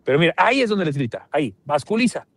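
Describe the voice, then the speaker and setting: A man with a Mexican accent hosting a live sports talk show, animated and joking, with lots of restarts. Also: on the high side, fast.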